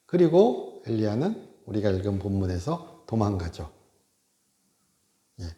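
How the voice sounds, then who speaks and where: A male pastor giving a conversational sermon, often tossing in a quick "yes" and sometimes acting out a scolding voice with rising force. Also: lowish voice. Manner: conversational preaching with frequent interjected "yes"; animated, acts out God scolding in raised voice. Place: church sanctuary. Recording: echoey church hall.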